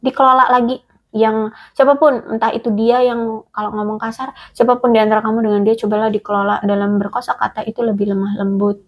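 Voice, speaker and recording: A woman's voice: fairly high pitch, little pitch movement, fast. A woman giving a casual tarot reading straight to the listener, chatty and hesitant, with many fillers and restarts. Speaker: tarot reader.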